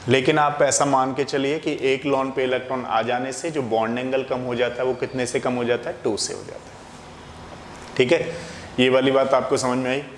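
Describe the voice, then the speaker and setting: A man gives a classroom chemistry lecture, steady and explanatory, often posing a question and answering it himself. His voice sits at an ordinary middle pitch. The room is echoey with a long reverb tail and a faint hiss behind him. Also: fairly quick. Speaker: chemistry teacher.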